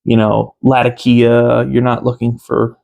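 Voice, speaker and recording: A man in his thirties with a mid-pitched voice talks casually to a camera in a room at home. He reviews in an unhurried, halting way, often pausing partway through a sentence. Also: completely flat delivery, gravelly, dark tone. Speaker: tobacco reviewer. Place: small room at home, indoors.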